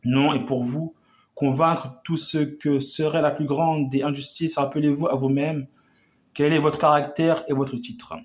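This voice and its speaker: Unhurried and fairly high-pitched, this man's voice barely moves in pitch. He delivers a historic revolutionary speech with oratorical flair, often tripping and restarting his words.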